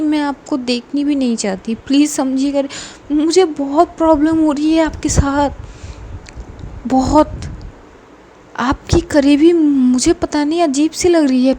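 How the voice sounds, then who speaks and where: A distraught young woman who begs and insists, again and again, to be left alone, as a woman acts her out. Her voice sits high but mellow in this spoken audio story, with faint noise behind. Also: steady tone, takes it slowly. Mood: pleading. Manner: pleading, insistent, repeats please. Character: young woman Adhya, upset and pushing her away.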